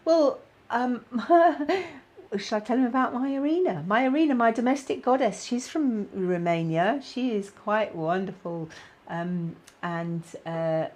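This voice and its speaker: British lady, middle aged, chatting on a live stream, lots of ums, mid pitch voice. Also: moderate pace. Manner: chatty, many fillers, reads out viewer comments. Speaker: spiritual guidance host. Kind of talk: casual live-stream chat.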